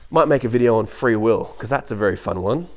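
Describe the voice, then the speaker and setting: Man, vlog monologue, animated, fast, lots of restarts. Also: mid-range voice. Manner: animated, quick-talking, many restarts; mock voices when quoting others. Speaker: vlogger. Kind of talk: rambling monologue.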